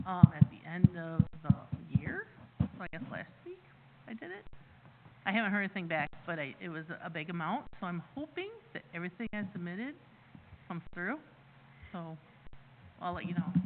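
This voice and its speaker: Hesitant woman treasurer on noisy, tinny call audio. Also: fairly low pitch. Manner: hesitant, with many fillers and restarts. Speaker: village treasurer. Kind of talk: meeting report.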